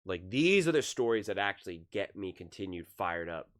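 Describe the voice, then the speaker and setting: Excitable rambling sports vlogger man. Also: deep voice, moderate pace. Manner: excitable, rambling, repeats himself. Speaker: sports commentary YouTuber. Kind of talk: solo sports opinion vlog.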